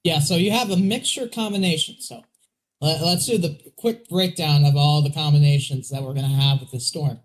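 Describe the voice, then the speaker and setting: A man's voice: on the high side, moderate pace, low-quality recording. A man co-hosting a weather livestream with casual, conversational live commentary and plain explanations.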